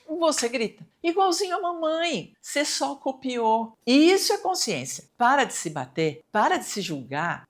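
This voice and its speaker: A woman delivers a lesson with a fairly high voice. Her pitch swings widely as she talks. She keeps turning to the listener with rhetorical questions. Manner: lively and expressive, speaks straight to the listener with rhetorical questions. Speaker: teacher. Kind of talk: recorded lecture on behavior.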